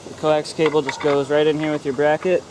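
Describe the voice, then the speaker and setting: A young American man speaks briskly in a fairly high voice that shows little pitch movement. Hosting a car how-to video in a driveway and a parked car, he explains things casually and loosely over background noise.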